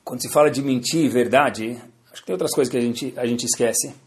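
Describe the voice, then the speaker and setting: A rabbi teaching a Torah lesson with stories, lively, swinging between loud emphasis and soft asides, and acting out the dialogue. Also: male voice, medium pitch, fast talker. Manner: acts out dialogue in his stories.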